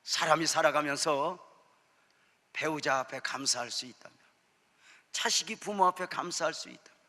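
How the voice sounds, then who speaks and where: Animated high-voiced pastor in a reverberant church. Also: male voice, normal speed. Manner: lively storytelling, acting out church members' words with humor. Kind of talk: sermon. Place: church sanctuary.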